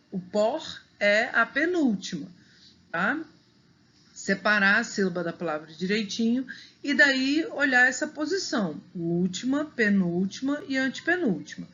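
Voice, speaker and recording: A woman's voice: bright, forceful tone, muffled recording. A woman teacher giving a recorded lesson to young children, patiently stretching out example words and checking in with frequent little questions. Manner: stretches out example words slowly and pitches them up for emphasis. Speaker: primary school teacher.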